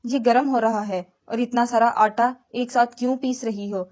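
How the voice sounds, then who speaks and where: Heartbroken husband begging his wife to explain, gentle and weepy, told by a woman storyteller. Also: on the high side, fairly even intonation, close to an everyday voice. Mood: anguished. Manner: anguished, gentle questioning. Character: grieving devoted husband, weeping man.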